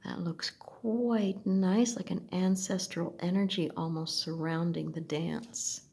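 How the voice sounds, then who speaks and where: Lady talking thru an oracle deck real slow and soft, a bit low voiced, slips into whispers. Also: fairly even intonation, creaky. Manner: soft, slow, gently admiring, drifts into whispers. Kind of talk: slow unboxing commentary.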